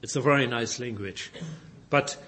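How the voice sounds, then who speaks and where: A Belgian man with a German-speaking accent preaches a sermon in careful, non-native English, frequently repeating and correcting himself as he reads scripture aloud. His medium-pitched voice is a bit bright at a moderate pace, with a little hiss or hum in the recording.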